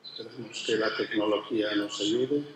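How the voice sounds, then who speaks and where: A man giving a conference talk, speaking slowly and deliberately with halting restarts. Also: lowish voice, fairly even intonation. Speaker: lecturer. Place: large lecture hall. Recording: very echoey hall with background noise.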